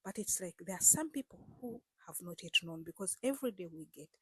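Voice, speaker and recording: Pitched fairly low, this woman talks at a quick, animated pace with a breathy edge in a dry recording. As a vlogger addressing viewers directly, she keeps it casual and earnest, repeating points and nudging them on with frequent fillers.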